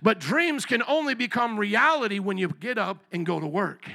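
A pastor preaching a sermon into a pulpit microphone in a church, calling out to the congregation for amens. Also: male voice, high-pitched, expressive, normal speed, vocal fry, sharp tone. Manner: emphatic call-and-response preaching. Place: church sanctuary.

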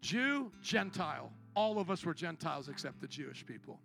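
A male pastor preaching a sermon, calling out to his congregation for responses and moving from low, quiet passages up to loud shouted peaks. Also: big pitch swings, normal speed, creaky, faint music behind.

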